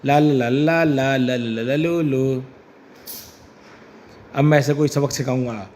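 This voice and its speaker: A man's voice: mid-range voice, fairly even intonation, brisk, warm tone, slight background noise, natural voice. A man voicing Chunchu, a cheeky, clever young male mouse in a comic story, with a playful, teasing manner. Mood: scheming.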